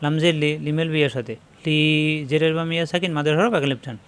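Man, Bengali-speaking Quran teacher, slightly high voice, syllable-by-syllable lesson, slow modelled recitation. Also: clean tone. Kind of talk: step-by-step spelling and pronunciation lesson.

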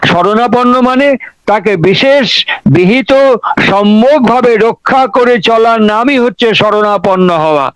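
High-voiced man preaching a devotional sermon. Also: no room sound, poor audio. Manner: repetitive, emphatic rhetorical preaching.

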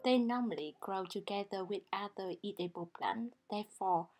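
A woman narrating a foraging vlog as a guide, speaking calmly in simple, non-native English. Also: medium pitch, normal speed, soft background music. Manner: calm, simple instructive phrasing.

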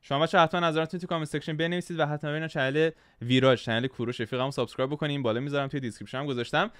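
A man's voice: fairly high pitch, fairly even intonation, fairly bright tone, clean tone, no room sound, clean studio sound. A man hosting a reaction video, explaining rap lyrics in loose, slangy casual chat. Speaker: host reacting to a rap track. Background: rap track playing underneath.

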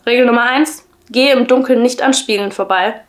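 A woman voicing an eerie little pale boy who calmly recites the rules of a sinister game in a storybook reading. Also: fairly high pitch, moderate pace, close to an everyday voice. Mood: ominous. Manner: calm, ominous rule-reciting.

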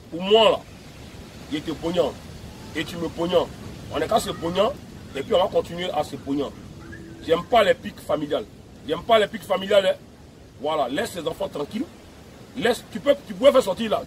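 A man's voice: on the high side, slight background noise, low-quality recording. A man giving an emphatic, repetitive video message outdoors at a beach. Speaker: music personality addressing fans.

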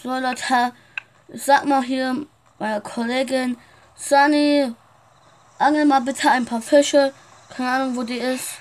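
A woman's voice: high voice, fairly even intonation, unhurried, long pauses, slight background noise. A woman playing a shopkeeper in a casual game roleplay, chatting straight to her viewers. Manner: chatty, keeps addressing viewers.

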